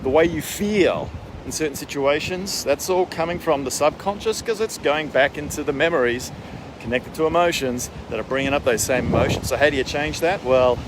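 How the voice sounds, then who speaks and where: Man coaching casually over loud outdoor wind. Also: on the high side, normal speed. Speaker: wellness coach for executives. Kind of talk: casual spoken advice vlog. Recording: windy outdoor mic, boat and water noise.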